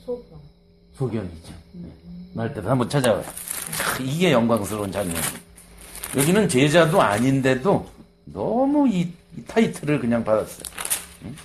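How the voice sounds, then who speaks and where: Animated male preacher, lively pitch. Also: moderate pace, pauses often, slight background noise. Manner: animated, acts out quoted lines, conversational asides. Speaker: pastor. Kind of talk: sermon.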